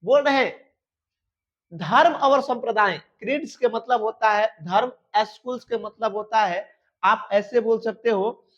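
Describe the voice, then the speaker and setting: A man with a Bihari accent teaching a class, reading English verse slowly and then explaining it line by line. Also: high-pitched, fairly bright tone, dull audio. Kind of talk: Hindi lecture explaining an English poem.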